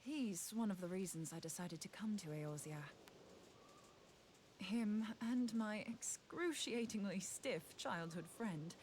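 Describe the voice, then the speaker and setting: Lively, wry scholar adventurer. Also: female voice, mid-range voice, slow pace, slight background noise. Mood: reflective. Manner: chatty, wry, informal. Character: plucky, wry female scholar who loves axes. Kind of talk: scripted video game voice acting.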